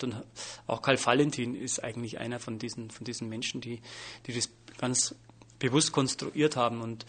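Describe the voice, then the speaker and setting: A man from Bavaria, a comedian, answering interview questions in a lively, animated way with frequent restarts and fillers. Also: mid-range voice. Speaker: comedian and wordplay artist.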